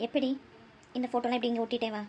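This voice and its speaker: Woman as watchful cartoon mom, firm and probing, fairly high voice. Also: little pitch movement, racing, very noisy, natural voice. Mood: scolding. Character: probing middle-aged mother, stern and watchful. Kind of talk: cartoon voice acting.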